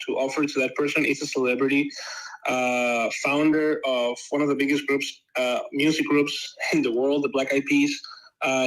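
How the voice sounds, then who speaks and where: A man pitching a name on a casual audio panel, laid-back and restarting his phrases. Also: fairly bright tone, rough recording. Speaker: domain seller pitching a name. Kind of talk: casual chat.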